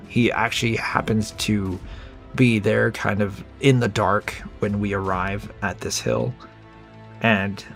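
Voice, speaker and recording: Male game narrator, lowish gravelly voice, casual rambling delivery. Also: a bit bright. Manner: casual, rambling storytelling with fillers. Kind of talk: narrating a solo tabletop role-playing game.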